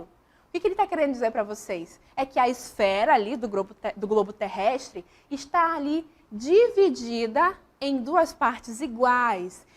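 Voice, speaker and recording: A woman teaching a school grammar lesson, walking through examples step by step and often putting questions to the class. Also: a little high. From Brazil.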